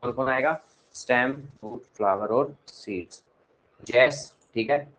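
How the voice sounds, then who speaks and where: A young man with a north Indian Hindi accent teaching an online class, teasing and scolding his students between explanations, swinging between loud and soft. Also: medium pitch, takes it slowly, a little hiss or hum, low-quality recording. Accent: Hindi-speaking north Indian.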